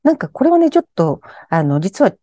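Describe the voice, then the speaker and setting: A woman's voice: medium pitch, very animated, brisk, dark tone, no room sound, clean studio sound. A woman telling her own strange, eerie experiences in conversation, animatedly acting out her startled reactions.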